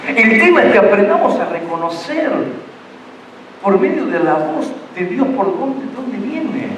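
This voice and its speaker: A man's voice: sits high, very animated, unhurried, noisy background. A middle-aged man, preaching a sermon as pastor, earnest and full of repeated words and restarts. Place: church sanctuary. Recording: echoey church hall, distant mic.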